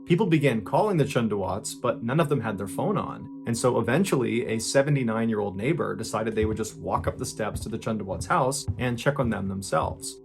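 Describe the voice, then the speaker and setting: A man's voice: lively intonation, brisk, creaky, hardly any pauses, music in the background. Suspenseful male true-crime storyteller. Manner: suspenseful, swells louder at tense moments and drops low at grim ones. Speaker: podcast host and storyteller. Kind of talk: dramatic true-crime narration.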